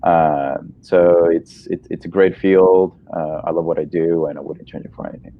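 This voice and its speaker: A Salvadoran man in his thirties, a native Spanish speaker and breast cancer surgeon, answers interview questions as a guest in a casual, friendly, informal manner. His voice is low and steady at a normal speed, and the audio sounds narrow and tinny.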